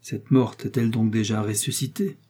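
A man's voice: lowish voice, normal speed, dark tone, breathy edge. A man voicing a scornful nobleman who taunts his prisoner with laughing sarcasm, in an audiobook reading. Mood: mocking. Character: mocking English nobleman, scornful jailer.

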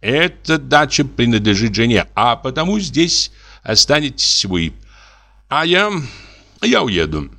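A man's voice: medium pitch, very animated, a little slow, pushed and bright, pitched above the performer's own voice, exaggerated voice. A man voicing a wronged middle-aged husband, a notary who speaks in a formal, wounded, pompous way. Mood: stiff formal. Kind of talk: audiobook character reading.

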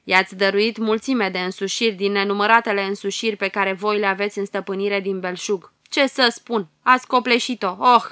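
A shrill, hissing old witch full of hatred, ranting and cackling at top volume. The voice is bright and piercing, in a close, dry storybook recording. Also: no room sound. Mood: gloating. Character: evil old hunchbacked witch, hateful.

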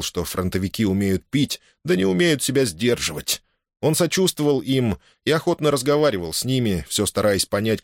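Male audiobook narrator, animated reading, dry studio sound. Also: lowish voice, no room sound. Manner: expressive storytelling.

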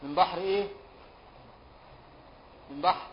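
High-voiced Egyptian sheikh chanting lesson verses. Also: male voice. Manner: chants verses slowly, then quizzes students in colloquial speech. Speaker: sheikh teaching a religious law text. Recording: dull lo-fi lecture recording with faint hiss.

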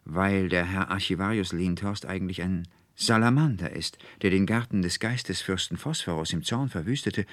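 A feverish young student who gets carried away, raising his voice into excited rapture, as a man puts him on. He sounds lifted above the reader's usual deep tone, close and dry. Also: moderate pace, few pauses, no echo, natural voice. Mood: rapturous. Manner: excited, rhapsodic.

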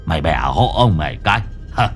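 A man voicing an old, quarrelsome male exorcist who curses loudly and panics easily. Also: rumbling low, very animated, a little fast, soft background music, voice pushed down. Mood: cursing. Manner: cursing, shouting, panicky.

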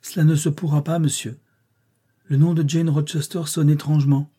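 A man's voice: a little high, flat delivery, normal speed, mellow, husky, voice pushed up. A man reading aloud and voicing a shy, earnest young governess in a classic novel. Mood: puzzled.

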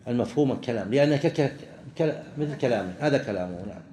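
A man, a religious teacher explaining a legal text to students, halting and often restarting his words. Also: mid-range voice, lively intonation, mellow. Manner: halting, with frequent restarts and pauses.

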